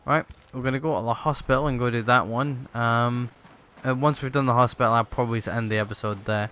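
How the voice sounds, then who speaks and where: A man's voice: mid-range voice, steady tone, fairly quick, sharp tone, slight background noise. A man rambling through let's play commentary with many fillers, hiccuping and a tired voice. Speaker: gaming YouTuber.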